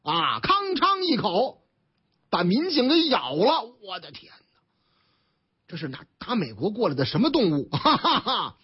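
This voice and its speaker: On a dull, lo-fi radio broadcast, a Beijing-accented man hosts a talkative newspaper commentary program, narrating stories with lively flair and acting out each quoted character in a different voice. He speaks at a measured pace in a high, slightly rough voice.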